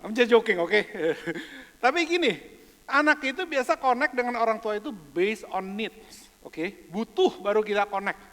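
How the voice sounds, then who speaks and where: A man with a high voice preaches to his church. His delivery is playful and joking, and he drops English phrases into the sermon. The sound has a long reverb from the church hall. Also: animated, normal speed, bright, forceful tone. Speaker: pastor.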